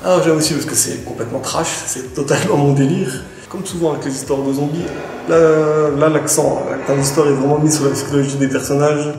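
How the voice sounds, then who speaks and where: Guy doing a jokey manga review, kinda high voice w/ gravel, echoey room, bit of music behind. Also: steady tone, brisk. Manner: chatty and joking, with frequent restarts. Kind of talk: casual book review to camera.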